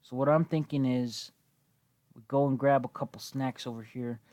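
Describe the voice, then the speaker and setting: A man's voice: mid-range voice, steady tone, moderate pace, darkish tone, dry recording, studio quality. A man in his twenties giving casual, rambling gameplay commentary, slightly wheezy from a cold, laid-back and given to swearing. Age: 20s. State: coming down with a cold. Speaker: gaming video host.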